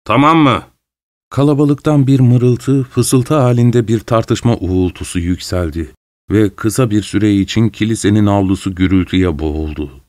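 Man, storybook narrator, calm measured reading, lowish pitch, dry close sound. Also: dry recording.

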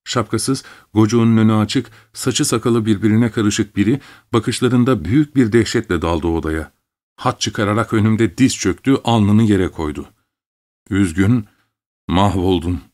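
Man reading a story aloud in first person, slowish and dramatic, lowish voice. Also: darkish tone. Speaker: audiobook reader.

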